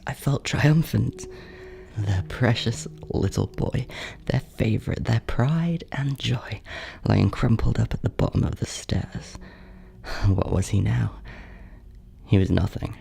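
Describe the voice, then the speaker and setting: In a horror audio drama monologue, a male actor plays a jealous older brother consumed by guilt, his mid-range, darkish voice gravelly and creaky. He's hesitant and confessional, halting and sinking toward whispers, with a mood of uneasy triumph.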